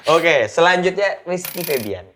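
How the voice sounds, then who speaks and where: A man hosting a casual comedy chat, moving the segments along with quick agreeing replies. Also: a little high, lively intonation, a loud crowd. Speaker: host.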